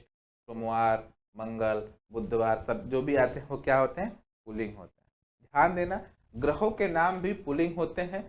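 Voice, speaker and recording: A young man teaching a Hindi grammar lesson, asking questions and answering them himself, saying "okay" again and again, and listing examples slowly word by word. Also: medium pitch. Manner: asks the class questions and answers them himself, repeats "ठीक है" often. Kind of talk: exam-prep grammar lesson.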